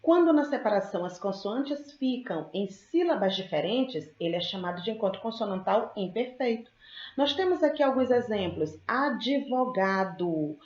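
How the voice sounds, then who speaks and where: A female teacher giving a recorded grammar lesson, patiently explaining, checking in with the class and repeating example words slowly. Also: a little high, animated, darkish tone. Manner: slows to spell out sounds and repeat example words. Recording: echoey, dull lo-fi sound.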